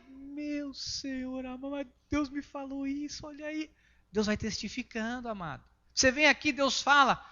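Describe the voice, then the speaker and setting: A Brazilian pastor preaching a sermon emphatically, swinging between loud passages and hushed ones. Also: male voice, extremely high pitch, highs cut off. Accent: Brazilian Portuguese.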